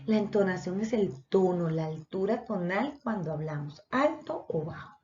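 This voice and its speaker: A woman's voice: fairly low pitch, expressive, moderate pace, dark tone. A woman teacher, explaining a lesson and speaking directly to her students. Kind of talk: online voice lesson. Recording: dull lo-fi recording.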